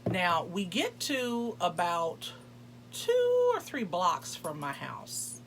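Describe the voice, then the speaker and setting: Woman co-host, casual comic storyteller, fairly low voice, very lively swings in pitch, brash and cussing. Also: slow, slight background noise. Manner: animated, brash, profane. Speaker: podcast co-host.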